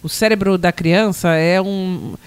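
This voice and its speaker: A woman's voice: on the low side, unhurried, smooth. A woman from São in her forties, a podcast guest. She chats casually with a joking, self-deprecating humor and drops the odd swear word.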